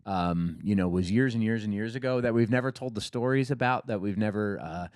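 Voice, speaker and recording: A man's voice: lowish voice, brisk, darkish tone, smooth, no echo, studio quality. A man co-hosting a casual podcast, rambling with fillers and jokes. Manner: rambling, filler-heavy, joking. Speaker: podcast co-host, label founder. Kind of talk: casual chat.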